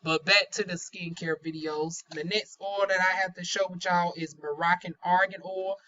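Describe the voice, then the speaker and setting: A woman's voice: on the low side, steady tone, moderate pace, bright, forceful tone. A woman with a Southern US accent and trouble pronouncing her Rs gives a casual, folksy product review, chatty and candid with playful slang. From North Carolina, US South. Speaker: beauty vlogger, aesthetician. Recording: dull, lo-fi sound.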